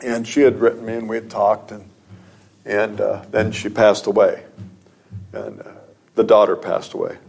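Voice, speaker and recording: A man's voice: fairly low pitch, level tone, moderate pace, gravelly, pauses often, a little mellow. A middle-aged man preaching a sermon, telling personal stories in an earnest way and lifting his voice on key points. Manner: earnest, storytelling, rising with emphasis. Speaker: pastor.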